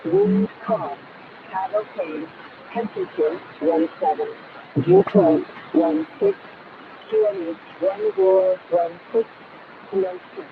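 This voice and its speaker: A man's voice: wildly swooping pitch, takes it slowly, gravelly. A man on an aviation weather and flight radio channel, heard through a mistuned sideband shortwave receiver. He reads out numbers and weather data in a clipped way. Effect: mistuned sideband shortwave radio, pitch shifted high. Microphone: played through a radio receiver. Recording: tinny hissy shortwave radio reception. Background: radio static and hiss.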